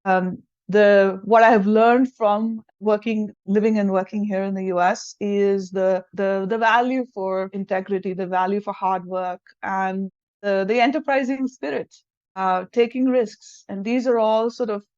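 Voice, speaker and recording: Speaking Hindi as an interview guest, this Indian self-leadership coach is thoughtful and earnest, reworking her words as she goes. Her voice is mid-pitched, darkish, dull, and dry, with fairly even intonation at a measured pace, recorded lo-fi without echo.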